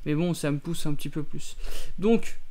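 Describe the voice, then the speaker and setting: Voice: mid-range voice, moderate pace, warm tone. A speaker giving a casual drawing tutorial voice-over, rambling and self-mocking with many hesitations and playful mock TV-host asides.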